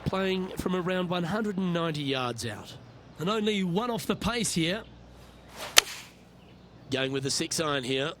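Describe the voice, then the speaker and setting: A man giving measured, understated golf commentary as the play-by-play announcer. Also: a little high, lively intonation. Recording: crowd and outdoor noise behind voice. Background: crowd and outdoor ambience.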